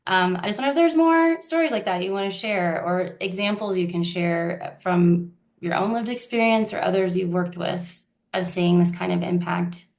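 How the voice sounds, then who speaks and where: A woman's voice: fairly low pitch, normal speed, hardly any pauses, a little mellow. A woman moderating an online panel, thanking speakers and inviting more stories in an encouraging tone, heard over a video call.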